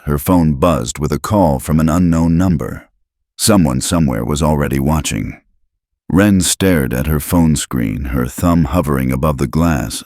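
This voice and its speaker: A man narrating a dramatic story in a steady, scripted storytelling voice. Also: a bass voice, no room sound, clean studio sound.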